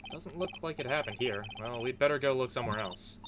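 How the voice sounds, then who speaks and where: A man voicing a weary, sarcastic young lawyer in an amateur video game dub, with loud music behind him. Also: medium pitch, fast talker, a crowd in the background, close to an everyday voice. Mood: wry.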